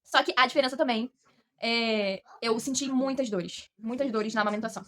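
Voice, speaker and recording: A young woman from Brazil telling her story to camera in a chatty, animated way, often addressing her viewers directly. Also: a little high, normal speed, a little hiss or hum. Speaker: vlogger.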